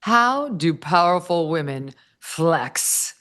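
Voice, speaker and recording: A woman's voice: a little high, animated, unhurried, fairly bright tone, voice pushed up. A woman giving a hammy, theatrical dramatic reading, playing a gushing, self-satisfied magazine voice to mock it. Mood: gushing, grand. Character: gushing magazine writer and self-satisfied duchess, read mockingly.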